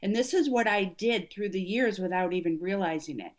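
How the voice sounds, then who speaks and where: A woman's voice: mid-range voice, lively intonation, fairly quick. Earnest motivational woman coach. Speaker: executive coach guest. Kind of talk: conversational interview.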